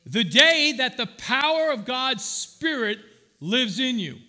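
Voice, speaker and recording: A male pastor preaching a sermon. He swings from shouted lines to hushed asides and keeps asking the congregation questions and joking with them. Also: very high-pitched, big pitch swings, takes it slowly. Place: church.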